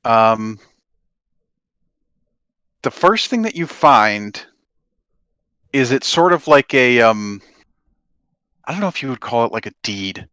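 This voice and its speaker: A man's voice: medium pitch, big pitch swings, slow pace, long pauses, a bit bright, clear, resonant tone, no room sound. A man working as game master, explaining and narrating a tabletop game in an informal, conversational way.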